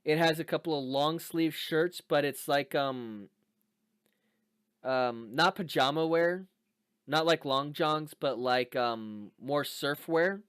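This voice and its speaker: A man running a tabletop game as game master, describing scenes with pauses and fillers. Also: a little high, a bit bright, clear, resonant tone, dry recording, studio quality.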